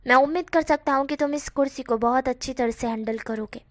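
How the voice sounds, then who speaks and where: A retiring senior police officer, voiced by a woman narrator, hands over his post in a formal, measured tone. The voice stays high and light. The sound is dry and close. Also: no echo, close to an everyday voice. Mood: solemn.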